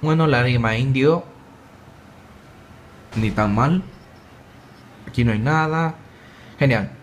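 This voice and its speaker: A young man giving chatty, excitable let's play commentary, joking with viewers as he plays. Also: medium pitch, slow, slight background noise. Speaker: gaming YouTuber.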